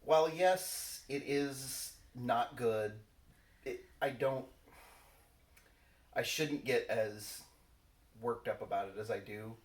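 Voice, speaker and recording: A man chatting casually in a halting, understated way, picking out his phrases in measured pieces. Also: mid-range voice. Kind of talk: casual chat, Q&A. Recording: echoey room, distant mic.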